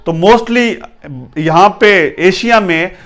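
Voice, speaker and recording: A man giving a pronunciation lesson, spelling out words letter by letter and repeating them in a calm explaining way. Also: high voice, slow. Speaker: English teacher.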